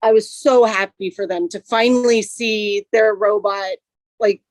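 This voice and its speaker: A woman's voice: mid-range voice, steady tone, a little slow, no room sound, rough recording. A woman guest on a podcast, a robot team co-captain, speaking earnestly and with feeling. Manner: emotional, earnest. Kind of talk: casual podcast chat.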